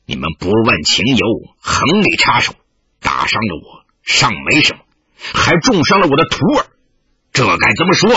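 A man plays a cold old martial elder who speaks with a low, sneering tone. The voice is rough and breathy. It sits in a dry, muffled recording. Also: very animated, moderate pace, pushed and bright, no room sound, exaggerated voice. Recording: dull lo-fi recording.

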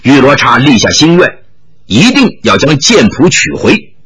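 A male storyteller narrates a martial arts tale with dramatic flair. His voice is bright and husky. His pitch rises and falls in wide, lively swings. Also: unhurried. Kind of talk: wuxia novel storytelling.

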